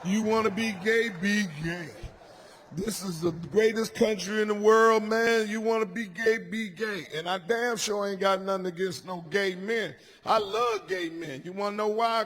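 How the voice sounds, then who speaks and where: A man from Washington, D.C., doing a stand-up comedy set on a club stage, loud, dropping low and mumbling then shouting his punchlines. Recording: live club recording with ambient noise.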